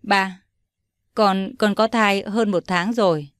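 A woman's voice: mid-range voice, steady tone, slow, clear, resonant tone, no echo, natural voice. A young daughter who tearfully begs her father for mercy, as a woman reads her. Her pleas sound imploring and desperate, recorded dry and close for an audio storybook.

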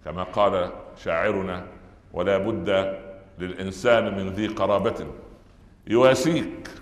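A man preaching a Friday sermon in Egyptian Arabic, emphatic, swinging between loud high peaks and quiet low passages, asking rhetorical questions and answering them himself. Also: fairly even intonation, unhurried. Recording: echoey hall with long reverb.

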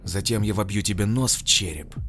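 A man voicing a huge mutated man turned monster, slow and growling. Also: lowish voice, fairly bright tone, slight background noise, lightly acted. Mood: menacing.

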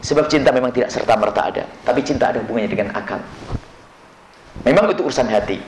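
A man preaching a sermon on marriage, quick and animated, acting out little dialogues between spouses. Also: medium pitch. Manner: lively, quick preaching with acted-out quoted dialogues. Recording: echoey hall with faint noise.

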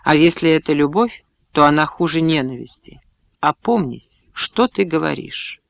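A man's voice: a little high, expressive, gravelly, no echo, lo-fi sound. A man reading a weary, pleading husband. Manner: hurried, pleading. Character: pleading husband, a decorated officer.

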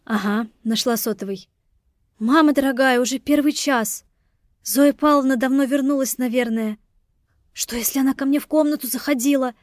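A woman voicing a playful, lively young woman who frets easily. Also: on the high side, dry recording, studio quality, close to an everyday voice. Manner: lively, playful, quick to worry.

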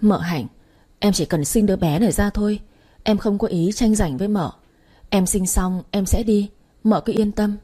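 A woman voicing a brazen young maid who answers in an unhurried, cheeky way, with a husky tone. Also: mid-range voice, warm tone, lightly acted. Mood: tearful. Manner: leisurely and cheeky.

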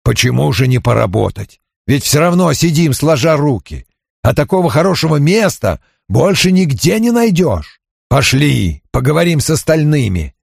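A man reading an audiobook, voicing a calm, persuasive old farmer father with a gravelly voice. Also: fairly high pitch, moderate pace, no room sound, studio quality, pitched above the performer's own voice, full character voice.

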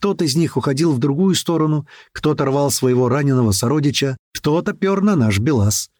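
A male narrator reads a first-person audiobook in a lively, expressive voice of middle pitch. His intonation rises and falls widely. The recording is close and dry, with no room sound. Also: fairly quick, no echo.

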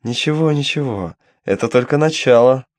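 A man's voice: mid-range voice, normal speed, darkish tone, dry recording, close to an everyday voice. A man voicing a furious, vengeful young demoness noblewoman who speaks with spite and menace. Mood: angry, gloating.

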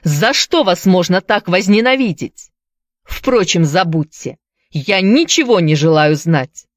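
A curt, defensive young tavern keeper, as a woman narrator reads him. The voice stays close to the reader's own lowish tone. The recording is dry and close. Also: expressive, unhurried, no room sound. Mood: irritated.

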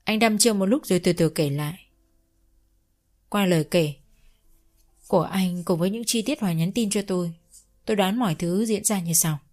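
A woman narrates a domestic drama in the first person at a steady storytelling pace. Soft music plays faintly behind her voice. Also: medium pitch, normal speed, long pauses.

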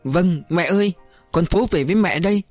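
A man's voice: a little high, expressive, brisk, darkish tone, no echo, soft background music, close to an everyday voice. A man voicing an emotional young soldier son, speaking earnestly. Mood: tearful.

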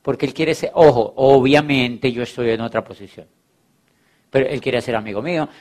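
At normal speed and in a mid-range voice, a man motivates his audience about network marketing, telling animated stories with playful ribbing and playing both roles in the conversations he recounts.

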